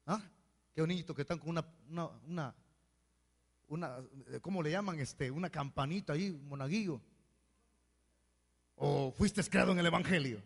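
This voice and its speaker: Man, pastor, sermon, high voice, mocking asides, long hall echo. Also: moderate pace, vocal fry, long pauses, husky. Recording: hall reverb.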